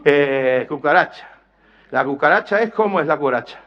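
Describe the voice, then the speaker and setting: A man's voice: on the high side, animated, moderate pace. A man giving an academic lecture to an audience, explaining carefully, correcting himself and asking rhetorical questions. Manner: explanatory, with restarts and apologetic self-corrections. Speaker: conference lecturer. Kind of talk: academic lecture on dialect words. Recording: dull, lo-fi lecture recording.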